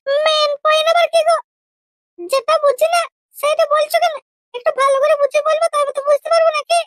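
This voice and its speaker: A voice actor playing a prim, touchy young girlfriend in a comedy cartoon, with a very high, squeaky voice and an indignant way of talking. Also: flat delivery, a bit bright, no room sound, studio quality. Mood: chatty. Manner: indignant, quick to take offense.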